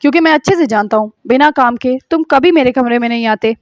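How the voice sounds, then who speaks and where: A woman's voice: high-pitched, no echo, natural voice. A woman reading a novel aloud, voicing a young man who pleads earnestly and then turns curt.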